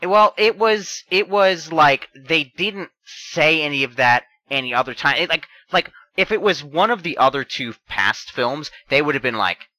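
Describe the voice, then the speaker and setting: A man's voice: fairly high pitch, expressive, normal speed, hardly any pauses, sharp tone, no echo, rough recording. A man in casual podcast chat, enthusiastic and hedging as he talks through his views.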